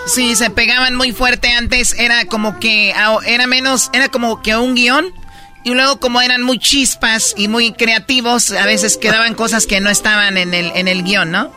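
A man's voice: very high-pitched, steady tone, moderate pace, sharp tone, faint music behind. A man with a Mexican accent, hosting a radio show and telling a story in slangy, rambling casual chat. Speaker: radio host.

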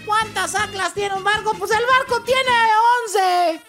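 A woman's voice: very high voice, measured pace, bright, forceful tone, faint music behind, full character voice. A woman voicing a cheeky, goofy schoolboy in a classroom sketch. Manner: cheeky, mocking, slurring comic pupil voice.

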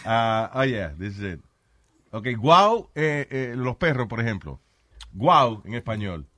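Lively, bright-voiced man. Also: medium pitch, slow pace. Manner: playful, switches between Spanish and English. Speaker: co-host. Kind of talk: casual joking chat.

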